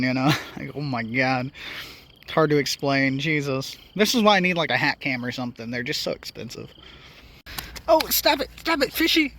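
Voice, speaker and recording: A man chatting casually while night fishing on a riverbank, excitable, swearing a lot and laughing often. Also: mid-range voice. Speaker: angler filming his night fishing. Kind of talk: casual fishing vlog chat.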